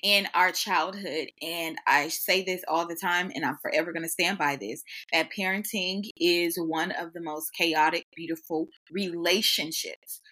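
A woman's voice: lowish voice, fairly even intonation, measured pace, few pauses, bright, forceful tone. A woman hosting a podcast, talking reflectively and affirming her guest, speeding up as she makes her points. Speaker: podcast host.

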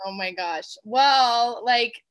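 A bubbly young woman from Georgia talks as a guest on an interview show, her voice bright and a bit high. She rambles happily, full of fillers. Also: slow. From Georgia, USA. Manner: bubbly, chatty, many fillers like "like". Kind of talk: casual interview chat.

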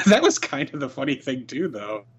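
A man's voice: mid-range voice, big pitch swings, moderate pace, fairly bright tone, breathy edge. A man co-hosting a wrestling podcast, telling recaps in casual chat with lots of fillers and laughter. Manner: chatty, laughing, filler-heavy storytelling.

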